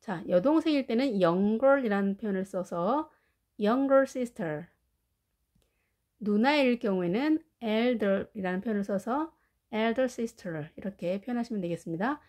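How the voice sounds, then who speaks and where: Korean lady teaching english vocab, slow and careful, repeats each word. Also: medium pitch, expressive, a little mellow. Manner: slow, careful pronunciation drills. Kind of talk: vocabulary lesson.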